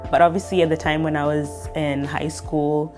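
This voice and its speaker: A woman's voice: low-pitched, level tone, moderate pace, darkish tone, faint music behind. A young woman from Kenya, telling her story in a documentary interview, reflective and full of fillers. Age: young adult.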